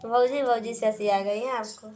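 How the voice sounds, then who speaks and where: A woman's voice: fairly high pitch, fairly even intonation, normal speed. A woman with an Awadhi accent hosting a casual live stream, chatting with viewers and teasing them in a sisterly way. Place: indoors at home. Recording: loud background noise.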